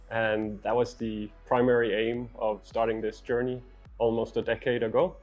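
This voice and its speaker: A middle-aged Danish man with a Danish accent answers interview questions as a traveller. His lowish, slightly mellow voice comes across measured, articulate, and earnest.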